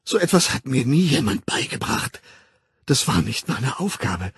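A man reading an audiobook voices a distraught, tearful middle-aged woman who pleads, whines and breaks into husky whispers. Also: medium pitch, sing-song, measured pace, no echo, heavily acted. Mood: pleading, tearful.

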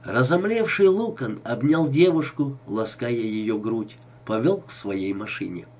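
A man reads a novel aloud in an expressive storytelling voice. His tone is husky, and his pitch rises and falls widely. Steady audiobook narration. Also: measured pace, dull audio.

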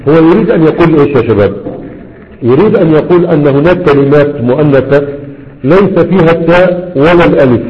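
A man teaching a grammar lesson, who asks his students questions and answers them himself. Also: a little high. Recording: dull lo-fi with long hall reverb.

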